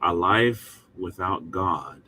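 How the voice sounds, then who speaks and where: A man teaching the Bible in a short devotional, speaking in a folksy, emphatic manner with pauses between short phrases. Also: deep voice, lively intonation, sharp tone, a little hiss or hum.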